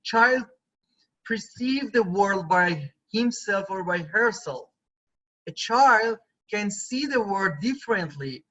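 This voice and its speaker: Male photography instructor, bright tone, conversational online lecture, muffled low-fidelity audio. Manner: conversational, often checks in with students. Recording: dull lo-fi recording.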